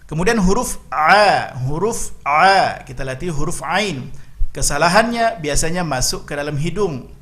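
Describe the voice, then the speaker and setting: A man teaching Arabic letter pronunciation, patiently repeating syllables in sing-song drills and explaining mistakes in a lower voice. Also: expressive, a little slow, a bit bright. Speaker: Quran recitation teacher. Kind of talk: slow instructional drilling of letter sounds.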